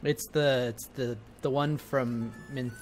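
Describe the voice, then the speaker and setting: A man's voice: mid-range voice, steady tone, slow, soft background music. A man streaming a video game, chatting casually and reacting with jokes and swearing. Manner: joking, sweary. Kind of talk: casual gameplay chat and reactions.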